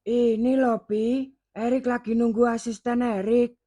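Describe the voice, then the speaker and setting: A woman's voice: a little high, level tone, a little slow, warm tone, no room sound. Woman doing an evasive lying young man. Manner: evasive, excuse-making.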